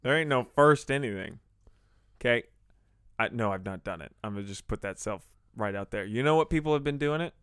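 A man hosting a podcast, telling crude stories in an animated, profane, casual way. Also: mid-range voice, fairly quick, smooth, no room sound, studio quality. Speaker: podcast host.

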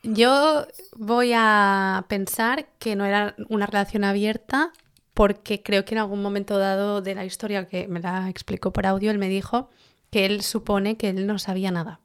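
A woman from co-hosting a casual podcast, spinning a listener's story with lively, joking slang. Her voice sits at an ordinary middle pitch for a woman. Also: normal speed, smooth. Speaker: podcast co-host.

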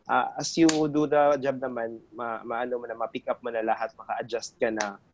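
A man from Cagayan de Oro with a Filipino accent, a nurse talking as a guest, halting with restarts as he mixes Tagalog and English. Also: mid-range voice, flat delivery, dull audio. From Cagayan de Oro, Philippines. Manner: hesitant, many restarts and fillers. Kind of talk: casual interview.

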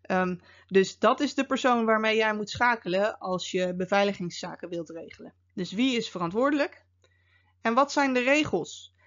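A woman's voice: mid-range voice, expressive, normal speed, highs cut off. A woman hosting a podcast, explaining security topics in a casual, conversational way with frequent fillers and wry asides. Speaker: podcast host and security officer.

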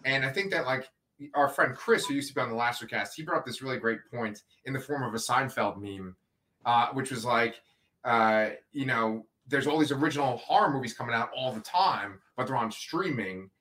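Man, podcast host, bright tense tone, emphatic, rambling, casual chat. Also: medium pitch, normal speed, a little hiss or hum.

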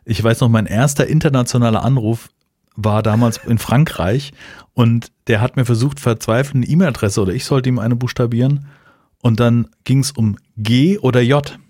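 Chatty podcast guy, middle pitch, keeps going "weißt du", dry mic. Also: normal speed, a little mellow, no echo. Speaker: podcast co-host. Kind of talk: casual chat.

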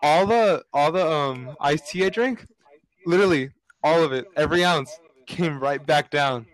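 A man's voice: a little high, normal speed, low-quality recording. A young man co-hosting a podcast, telling a casual story full of fillers. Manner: storytelling, animated with lots of fillers. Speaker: podcast co-host. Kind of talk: casual chat.

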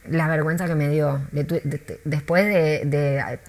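An Argentine woman who works as a tour guide, chatting in an interview with lively, storytelling delivery and many restarts. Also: sits low, moderate pace. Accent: Argentine Spanish.

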